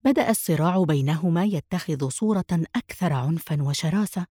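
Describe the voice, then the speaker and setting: A woman narrating a spy novel aloud in a steady, even reading voice. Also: low voice, a little fast, dry recording, clean studio sound.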